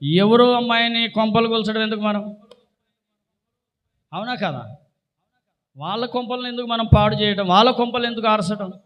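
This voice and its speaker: A man preaching a sermon as a pastor, exhorting his congregation with loud declarations and quiet asides. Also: sits high. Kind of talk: sermon with prayer and call-and-response. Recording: long reverb of a church hall.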